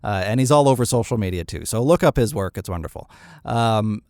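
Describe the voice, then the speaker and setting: A man's voice: fairly low pitch, expressive, fairly quick, a little mellow, dry recording, studio quality. A man with a Maritime Canadian accent hosting a podcast in a casual, chatty, self-deprecating way. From Cape Breton, Canada. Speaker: podcast host.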